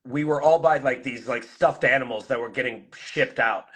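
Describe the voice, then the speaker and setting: A man hosting a casual conversation as a play designer, who is hoarse from losing his voice and talks with enthusiasm, musing in what-if questions. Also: mid-range voice, moderate pace, a bit bright.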